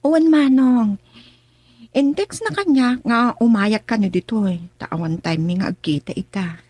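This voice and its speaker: Polite flirty Monica. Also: female voice, fairly high pitch, measured pace, darkish tone, slightly rough, no echo. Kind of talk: Ilocano radio drama acting.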